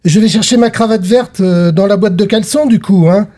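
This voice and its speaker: Woman playing a halting, offhand middle-aged husband in a story reading, voice a touch low and mellow. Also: faint music behind, natural voice. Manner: hesitant, halting with fillers.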